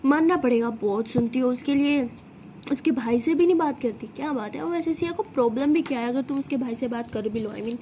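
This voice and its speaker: Give me a woman playing a sarcastic older sister, high-pitched and chiding. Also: fairly quick, dark tone, a little hiss or hum, natural voice. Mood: teasing.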